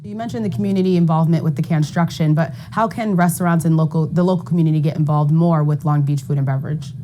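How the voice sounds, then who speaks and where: A woman interviews for local news at a quick clip. Her voice is rather low and mellow, and her questions sound prepared but conversational. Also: fairly even intonation.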